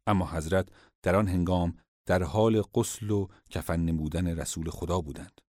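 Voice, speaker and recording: A man giving formal, measured scripted narration of religious history. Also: sits low, a little mellow, no room sound, clean studio sound.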